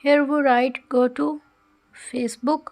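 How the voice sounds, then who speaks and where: A woman's voice: sits high, level tone, slow, darkish tone, soft background music. A woman narrates a coding tutorial in a careful, instructional way, with phrasing. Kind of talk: scripted screen-recorded tutorial narration.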